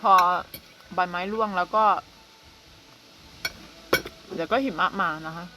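A woman in her thirties from Thailand, chatting casually to her viewers in an unhurried way, often filling pauses with soft hums. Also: fairly low pitch, noisy background. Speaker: vlogger. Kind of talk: casual chat to camera.

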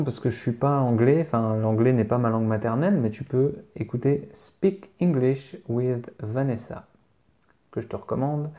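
In a casual live Q&A, a man teaching French reads out viewers' questions and answers them, spelling words letter by letter. His voice is medium-pitched and mellow, and the audio sounds dull.

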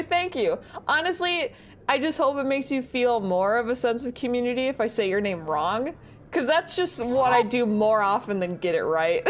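A young woman streaming a game from her apartment on a headset mic, giggly and self-deprecating as she chats with viewers. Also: on the high side. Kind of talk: casual live-stream chat while gaming. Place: home apartment.

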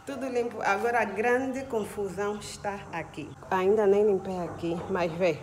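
A woman's voice: medium pitch, fairly even intonation, measured pace, a little mellow, slight background noise. A young woman, chatting to her viewers from her apartment and balcony, tired after cleaning. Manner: chatty, addresses viewers as sisters. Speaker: vlogger. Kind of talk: casual chat to camera. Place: apartment and plant-filled balcony. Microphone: phone at arm's length.

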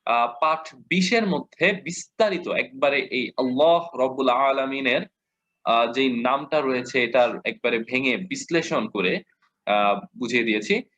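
A man with a Bangladeshi Bengali accent teaching a lesson, patiently repeating examples and modeling slow recitation. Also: medium pitch, a bit bright. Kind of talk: explanatory lesson. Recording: dull lo-fi audio.

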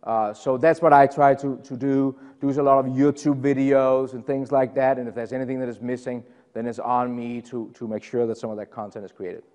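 A man's voice: mid-range voice, fairly even intonation, a little fast, hardly any pauses, darkish tone, long reverb tail. A middle-aged man from Denmark with a Danish accent, presenting a technical session in a casual, chatty way full of fillers and self-deprecating asides. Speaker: conference presenter. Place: conference room.

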